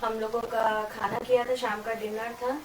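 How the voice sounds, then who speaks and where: A woman's voice: a little high, little pitch movement, normal speed. A middle-aged woman giving a testimony to a congregation, telling a story and quoting what others said. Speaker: church member giving testimony. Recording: echoey room from far off, noisy.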